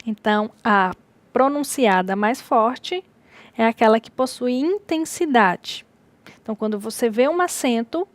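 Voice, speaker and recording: A woman teacher giving a recorded distance-learning lecture, explaining slowly and repeating key words. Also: on the high side, dry recording.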